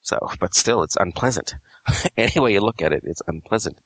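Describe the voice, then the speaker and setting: A man's voice: lowish voice, fairly quick, fairly bright tone, no echo. A man telling a rambling story in casual chat, full of fillers and restarts, heard over an internet call. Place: Quebec home over a call. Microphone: internet call audio.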